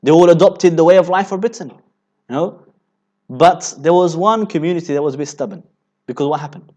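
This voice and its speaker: A man giving a religious lecture, building rhetorical points and filling pauses with "you know" as he repeats phrases. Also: on the high side, a little mellow. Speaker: Islamic preacher.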